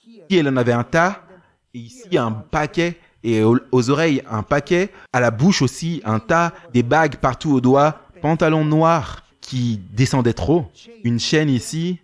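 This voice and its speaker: A man's voice: medium pitch, moderate pace. A male preacher telling a story in a sermon, acting out the dialogue with animation.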